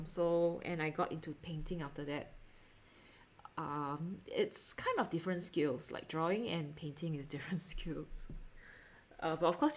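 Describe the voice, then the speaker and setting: While drawing on her livestream, this young Singaporean-accented woman talks casually to viewers in a voice that sits a little low. She's an art streamer whose speech comes out halting, giggly and self-deprecating.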